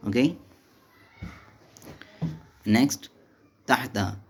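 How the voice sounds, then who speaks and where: A man's voice: mid-range voice, breathy edge. A man teaching an Arabic grammar lesson, explaining step by step, asking and answering his own questions, mixing in English terms. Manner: mixes Hindi-Urdu with English and Arabic terms; reads English textbook notes slowly.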